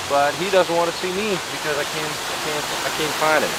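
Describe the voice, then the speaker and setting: A man from Russia hosting a vlog on location, talking casually to the camera in quick, chatty remarks. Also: fairly high pitch, very noisy. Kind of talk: casual walk-and-talk.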